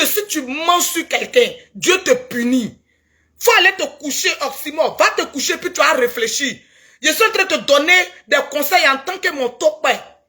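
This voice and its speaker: A woman's voice: high voice, pushed and bright. A woman with an Ivorian French accent delivering a heated, preachy video rant and scolding someone emphatically. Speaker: social media commentator.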